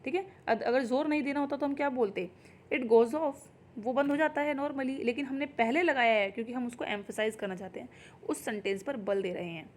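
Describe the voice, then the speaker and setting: Hindi-speaking woman teaching grammar. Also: sits high. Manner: explains in Hindi, reads English examples slowly. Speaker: English teacher. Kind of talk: exam-prep grammar lesson.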